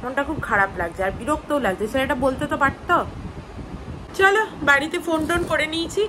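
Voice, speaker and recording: A woman's voice: high-pitched, noisy background. Chatty woman vlogging her home chores. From West Bengal. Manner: chatty, talking to viewers while doing chores. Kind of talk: casual daily-life vlog narration. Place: home, indoors.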